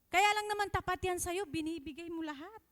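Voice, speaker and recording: A woman's voice: very high-pitched, fairly quick, a bit bright, voice pushed up. A woman voicing a taunting male accuser spirit who argues mockingly, quoted within a sermon. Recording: long reverb in a hall.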